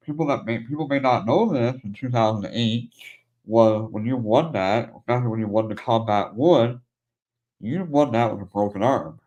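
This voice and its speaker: A man's voice: mid-range voice, normal speed, a little mellow, highs cut off. A middle-aged man hosting a podcast, chatting casually and drawing lessons from shared stories. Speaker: podcast host. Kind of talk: casual interview conversation.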